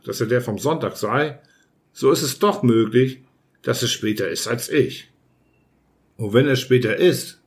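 A man narrating an audiobook in the first person, telling the story with lively acted shouts. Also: medium pitch.

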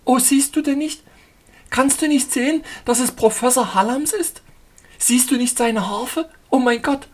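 A man reading an audiobook, voicing a frightened young woman who cries out in high, breathless lines. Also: animated, a little slow. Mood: horrified.

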